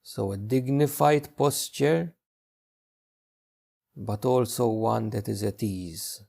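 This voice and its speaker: The teacher of this guided meditation is a man with a gravelly, mid-range voice. He talks listeners through it gently and unhurriedly, pausing for long stretches.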